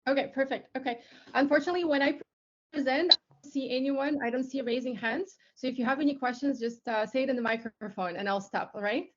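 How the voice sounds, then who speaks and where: Talking fast in a high voice, a tech co-founder from Lithuania presents a casual webinar on a video call, often restarting and using fillers. The call audio sounds slightly dull.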